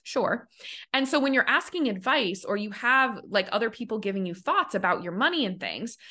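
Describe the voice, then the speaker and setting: A young woman hosts a podcast as a money coach, her mid-range voice pushed and bright. She's chatty and casual, full of "like" fillers, and she acts out the voices of the people she quotes.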